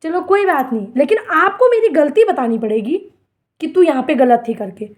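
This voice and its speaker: A woman's voice: high voice, animated, normal speed, darkish tone. A young woman, speaking to her camera in an emotional rant, aggrieved and defiant, repeating herself as she pleads her case. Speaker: vlogger. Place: outdoors in front of a temple.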